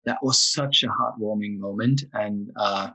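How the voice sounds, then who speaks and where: On a rough-sounding recording, a fortyish East German music executive guests on a podcast, recounting his life in conversation. His German-accented voice sits low, bright and pushed, moving at a measured pace, and he speaks with earnest candor.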